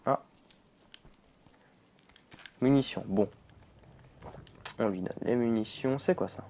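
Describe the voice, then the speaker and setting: A man's voice: medium pitch, takes it slowly, vocal fry, dark tone, a little hiss or hum. A young man giving jumpy, swearing let's play commentary to his viewers. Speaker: gamer.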